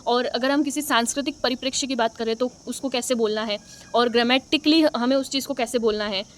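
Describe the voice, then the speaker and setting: High-voiced woman teaching in Hindi. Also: steady tone, fast. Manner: explanatory, repeats points, frequent "है ना" check-ins. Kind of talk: exam-prep lecture in Hindi mixed with English.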